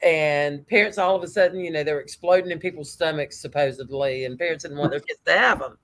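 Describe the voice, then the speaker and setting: Chatty woman, lowish voice. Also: fast. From North Carolina, USA. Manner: chatty, animated storyteller. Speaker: sales coach. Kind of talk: guest storytelling in an interview.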